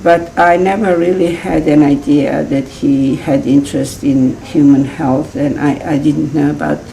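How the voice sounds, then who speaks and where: Gravelly low-voiced Serbian woman. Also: steady tone, a little slow, warm tone, slight background noise, rough recording. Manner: chatty storytelling with frequent laughs. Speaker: interview guest, healer. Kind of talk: casual interview chat.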